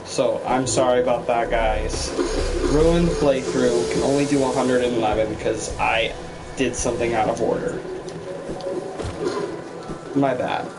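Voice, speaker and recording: Man rambling over loud game music. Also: medium pitch, unhurried, long pauses, poor audio. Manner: rambling, thinking aloud. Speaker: game streamer. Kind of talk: casual gameplay commentary.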